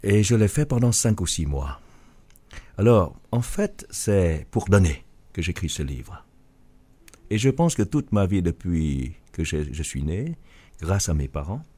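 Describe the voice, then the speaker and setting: Un homme d'âge mûr originaire du Vietnam, auteur et chef d'entreprise, qui répond en interview avec sérieux et hésite souvent. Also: male voice, low voice, sing-song, warm tone. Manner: earnest, halting with restarts. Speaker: author and business leader. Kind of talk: radio interview answer.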